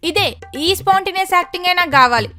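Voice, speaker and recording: A young woman playing a bossy young film director in a comic short film, brisk and giving orders. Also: extremely high pitch, animated, pushed and bright, soft background music, exaggerated voice.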